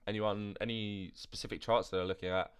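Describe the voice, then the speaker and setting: A man's voice: lowish voice, level tone, a little fast, smooth. A man hosting a live trading stream, rambling and thinking aloud over charts as he answers viewer chat, tired and yawning. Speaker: crypto trading livestream host. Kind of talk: casual live chart commentary.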